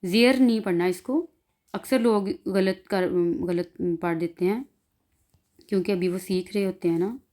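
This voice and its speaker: A woman with a Pakistani Urdu accent teaching an online class, speaking slowly and drawing out and repeating each example sound. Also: medium pitch, warm tone. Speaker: language teacher. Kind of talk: online class explaining pronunciation.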